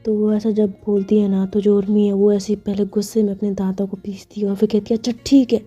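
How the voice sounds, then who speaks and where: A woman tells a story in a very dark, mellow voice with a husky, breathy grain. Her delivery is flat and conversational, with faint music underneath. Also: mid-range voice, fast talker. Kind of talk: storybook narration.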